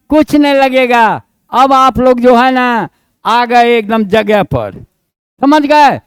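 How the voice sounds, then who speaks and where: Here the teacher's voice is very high and smooth, recorded without echo. The man, a grammar teacher with a Bihari Hindi accent, gives a classroom lesson in a homely, colloquial style, alternately scolding and coaxing while checking on students and asking them questions.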